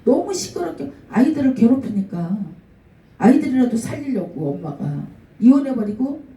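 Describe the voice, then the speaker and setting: A woman's voice: high voice, moderate pace. A middle-aged woman pastor preaching a sermon, telling stories about people she met and acting out their quoted words. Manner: storytelling with lively acted-out quotes. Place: church sanctuary. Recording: echoey room, mic at a distance.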